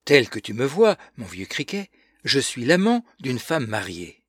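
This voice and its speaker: A man's voice: medium pitch, lively intonation, unhurried, husky, no echo, clean studio sound. A man voicing a smug, cocky teenage schoolboy with a boastful, scornful manner in an audiobook reading.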